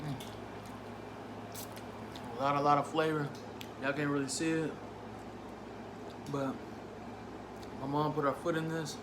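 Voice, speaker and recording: A man's voice: a little high, little pitch movement, moderate pace, pauses often. Casual man reviewing food, echoey noisy room. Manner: informal, savoring with frequent appreciative mm sounds. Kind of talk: casual food review vlog, eating while talking. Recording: roomy, echoey, clearly noisy home recording.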